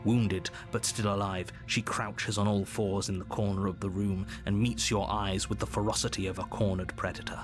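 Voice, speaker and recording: An actor playing a stern, disapproving male narrator in a video game, telling the story in formal, measured phrases. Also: on the low side, little pitch movement, natural voice. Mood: grave narration. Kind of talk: dramatic scripted game narration. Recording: music behind.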